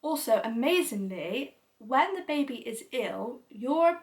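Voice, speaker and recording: A young woman with a cold and a blocked-up nose chats enthusiastically to camera as a parenting vlogger, saying "you know" a lot in casual explanatory talk. Her fairly high voice has lively intonation and a slow pace, picked up by a distant mic.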